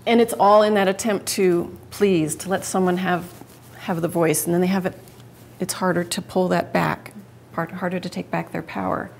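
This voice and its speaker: A woman's voice: on the low side, fairly even intonation, normal speed, creaky, a little mellow, slight background noise. Woman coaching a live audience. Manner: conversational, with frequent restarts and self-corrections. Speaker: public speaking coach.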